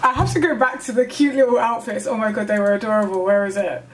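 A woman gaming vlogger reacting live to a trailer, gushing and excitable, with squeals and gasps. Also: on the high side, fast.

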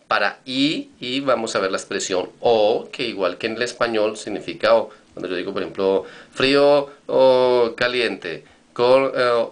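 A man's voice: fairly low pitch, fairly bright tone. A man teaching Hebrew vocabulary in a recorded lesson, patiently repeating and spelling out words.

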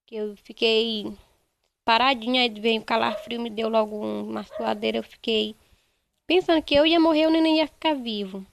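A young woman, giving a halting, repetitive first-person account in a news interview. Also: fairly high pitch, vocal fry, a little hiss or hum. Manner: halting, repetitive retelling, quoting others. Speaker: interviewee, bereaved mother.

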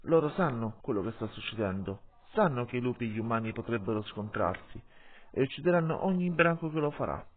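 A man's voice: medium pitch, expressive, a little fast, natural voice. A man voicing an impulsive young female wolf who blurts out her words, in an audiobook with tinny, phone-like sound. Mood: pleading. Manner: blurting, pleading.

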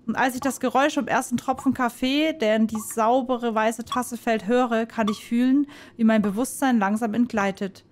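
Soft-voiced woman reading a story game. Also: a little high, steady tone, moderate pace, few pauses, a little hiss or hum. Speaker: let's player reading a visual novel. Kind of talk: expressive first-person game narration.

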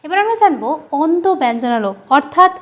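A high-pitched woman teacher, leading a grammar lesson. She spells out key terms slowly and repeats them. She asks questions and then answers them herself. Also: lively intonation, fairly bright tone.

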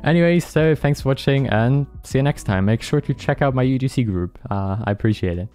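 A man talks through his gameplay in a relaxed, mellow voice, laughing often and poking fun at his own mistakes. He keeps apologizing to the players he beats. Quiet background music plays under his desk-mic commentary. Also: medium pitch, fairly quick. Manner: laughing, apologetic, self-mocking. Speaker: gaming YouTuber.

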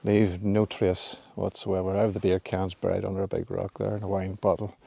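His low voice is creaky, warm and husky, delivered briskly and completely flat, with no room sound. This outdoor vlogger in his fifties chats to a phone camera held at arm's length on a windy mountaintop, laughing often and cracking self-deprecating jokes in a casual vlog to camera.

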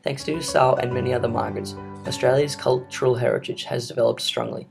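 A man's voice: medium pitch, steady tone, a little fast, vocal fry, over music. A young man narrating a school history project in an earnest, scripted reading. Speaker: student narrator.

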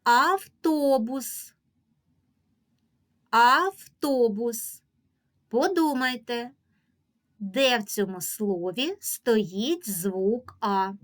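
A woman with a Ukrainian accent teaching a reading lesson to young children, drawing out each example word slowly and giving patient, clearly paced instructions. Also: a little high, lively intonation. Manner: slow, drawn-out pronunciation of example words.

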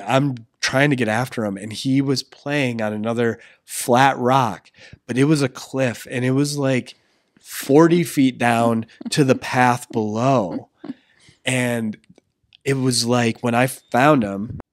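A man's voice: mid-range voice, slow pace, dry recording, clean studio sound. A man in his thirties co-hosting a podcast, telling a family story in casual chat and acting out what people said. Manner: animated storyteller, acts out quotes. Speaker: podcast co-host.

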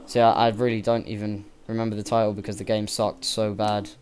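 A young man talks over a game in a loose, rambling commentary. His voice sits a little low, and his excitement comes through in frequent swearing and gushing praise. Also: brisk. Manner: rambling and enthusiastic, swears freely. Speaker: let's play gamer. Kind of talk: casual gameplay commentary.

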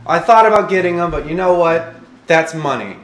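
A man's voice: fairly high pitch, a little fast. Nasal man joking through a party game. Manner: excitable, swears, joking banter. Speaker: gameplay video host. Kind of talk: casual chat while playing. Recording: roomy with game music behind.

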